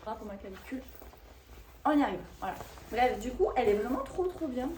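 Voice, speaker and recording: A woman's voice: fairly high pitch, expressive, a little fast, a little mellow, recorded from a distance, slight background noise. A woman vlogger chatting casually and enthusiastically while unboxing a shopping haul, thinking aloud. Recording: echoey room, voice off-mic.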